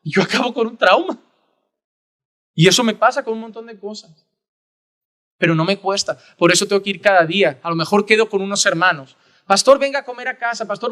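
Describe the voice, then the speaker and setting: A man preaching a sermon as pastor, earnest, rising to loud emphasis and dropping to hushed prayer. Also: high-pitched.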